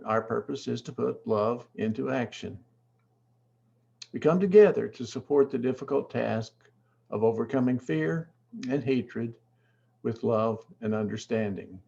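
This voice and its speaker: A man's voice: mid-range voice, vocal fry, dark tone, breathy edge, highs cut off. A man serving as worship associate, giving a formal, earnest, scripted welcome to a service.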